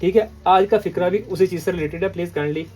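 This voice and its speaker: A man's voice: high-pitched, quick pace, a little mellow. A man from Pakistan teaching a language lesson, repeating words and often checking in with the listener. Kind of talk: patient classroom lesson.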